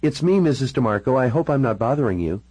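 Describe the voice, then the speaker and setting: A man's voice: mid-range voice, animated, fast, darkish tone, husky, no echo, pitched above the performer's own voice. A man voicing a polite, direct young woman in an audiobook. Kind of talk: audiobook character voice.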